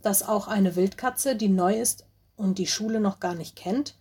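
A woman's voice: mid-range voice, unhurried, mellow, breathy edge. A woman voicing an eager, anxious little male wolf pupil in a storybook, calling out urgently. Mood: pleading.

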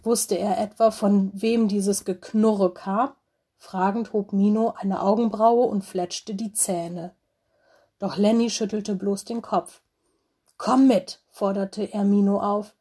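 A woman narrating a children's storybook in a gentle, expressive manner. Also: mid-range voice, takes it slowly, breathy edge. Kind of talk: storybook reading.

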